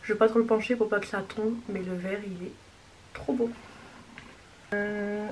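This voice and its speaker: A woman showing off a makeup haul in a casual, gushing way, sometimes dropping to a soft whisper. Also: medium pitch, steady tone, moderate pace. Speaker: beauty vlogger. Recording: distant mic with clear background noise.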